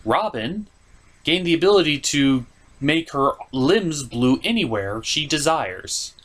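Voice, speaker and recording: Hosting an anime review show, a man with a slow, sing-song voice on the high side and a bit bright delivers scripted commentary. He tosses in joking asides and sounds emphatic and mock-exasperated.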